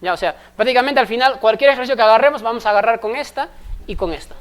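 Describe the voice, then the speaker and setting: Woman, math teacher, fairly high voice, step-by-step explanations, frequent check-in questions. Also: rapid-fire. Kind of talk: recorded class lecture.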